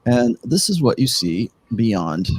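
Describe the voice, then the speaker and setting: A man's voice: mid-range voice, big pitch swings, slow, darkish tone, slightly rough. A man running a tabletop role-playing game, narrating casually in a wry, teasing way. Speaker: game master.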